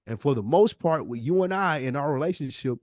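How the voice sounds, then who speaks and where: An American man co-hosting a podcast speaks in a somewhat high, expressive, darkish voice at a brisk pace, recorded dry at studio quality. In a candid heart-to-heart, he's earnest and emphatic, repeating himself to drive his point home.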